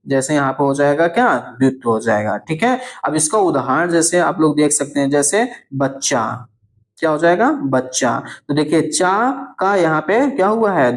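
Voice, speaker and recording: A male teacher going through an exam answer key, asking questions and answering them himself, often checking in and drawing words out slowly for emphasis. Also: fairly high pitch. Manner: keeps checking in with "thik hai".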